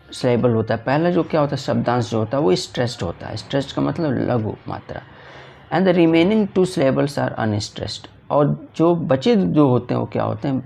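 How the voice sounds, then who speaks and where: A male teacher runs an exam-prep lesson in a gravelly, somewhat high voice. He keeps repeating himself, posing little questions and then answering them, and slows right down whenever he reads an English line. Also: darkish tone. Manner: repetitive, asks and answers his own questions; reads English lines slowly then explains in Hindi.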